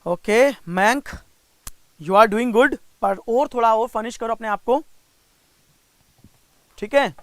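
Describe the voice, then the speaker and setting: A young Indian man teaching reasoning in a live online class, mixing Hindi with English, coaxing and teasing students by name and slowing down to spell out each step. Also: very high voice, a bit bright, no echo. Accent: Indian English mixed with Hindi. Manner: coaxing and teasing, reads out student names, slows down to spell out steps. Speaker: reasoning teacher for bank exams.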